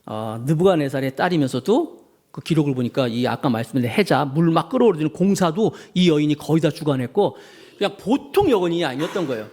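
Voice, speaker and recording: A middle-aged male pastor giving a sermon, telling the story in an animated way and putting questions to the congregation. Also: a little high, a little fast.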